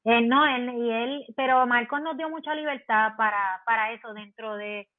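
A Puerto Rican actress chatting as a podcast guest, explaining in an animated way with many fillers. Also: female voice, fairly high pitch, normal speed, no echo. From Puerto Rico. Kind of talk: podcast interview chat. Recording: dry tinny phone-like sound.

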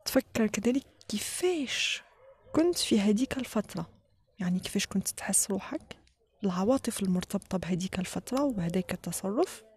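A woman with an Algerian accent leads a guided relaxation in a soft, often whispered voice, giving short instructions with pauses between them. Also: medium pitch, lively intonation, slight background noise. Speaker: guided meditation leader.

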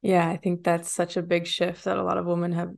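Woman host, lowish voice, relaxed and affirming, thinks out loud. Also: fairly quick, vocal fry. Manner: casual, affirming, thinking aloud. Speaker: podcast host. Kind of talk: conversational podcast interview.

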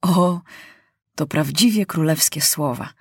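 A woman's voice: low-pitched, takes it slowly, a little mellow, slightly rough, no room sound, clean studio sound, exaggerated voice. A woman reading a storybook, voicing a timid, polite old male court doctor who talks hesitantly. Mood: relieved.

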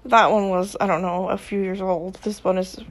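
Tired gravelly woman rambling on. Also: little pitch movement, moderate pace. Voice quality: gravelly, low-energy. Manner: meandering, with frequent ums and trailing sentences. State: tired and sick-sounding. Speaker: vlogger. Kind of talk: casual rambling monologue. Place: at home. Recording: dull lo-fi recording.

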